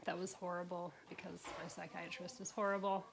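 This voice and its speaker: A woman vlogger who has nearly lost her voice, talking casually in a soft, often whispered, worn-out but excited way. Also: on the low side, a little fast, creaky, background noise. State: hoarse, voice nearly gone. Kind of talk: casual vlog chat.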